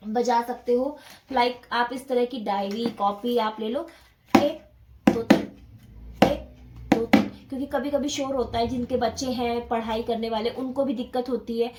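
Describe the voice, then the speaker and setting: A woman's voice: fairly high pitch, normal speed, a little mellow, soft background music. A woman teaching the dholak step by step, patiently counting the beats aloud as she plays. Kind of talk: step-by-step music lesson. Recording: echoey room with dholak playing.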